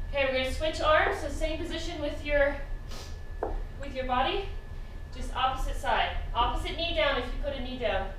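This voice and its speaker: A woman's voice: high-pitched, a bit bright, a little hiss or hum. Upbeat woman coaching a home workout. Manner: upbeat, counting down, cheerful encouragement with laughs. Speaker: fitness instructor. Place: home garage gym, indoors. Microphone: far camera, exercising while talking. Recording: echoey room, voice from a distance.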